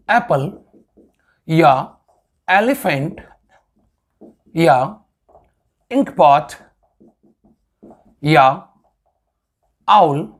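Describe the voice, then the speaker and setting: Man, Indian accent, English teacher, step-by-step grammar lesson, animated pitch, slightly husky voice. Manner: explains step by step, repeats example sentences slowly.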